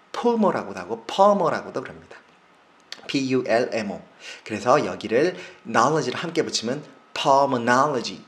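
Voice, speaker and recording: Low-voiced man spelling out medical terms. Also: a bit bright. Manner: slows down to spell out and stress English terms; frequent fillers and self-corrections. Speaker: pathologist explaining medical terms. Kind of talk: casual explanatory lesson.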